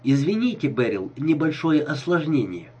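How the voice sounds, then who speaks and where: A suave seducer speaks with false sympathy, as a male reader plays him. The voice is husky, and the intonation moves a lot. Audiobook character reading. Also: on the high side, big pitch swings, moderate pace, a little mellow, muffled recording. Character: smooth-talking seducer man, nervous underneath.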